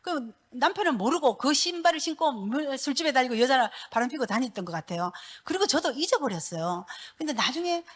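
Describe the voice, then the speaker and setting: A middle-aged woman, a pastor's wife giving a church testimony in a lively, laughing storytelling manner. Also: high voice, brisk, hardly any pauses, slightly rough.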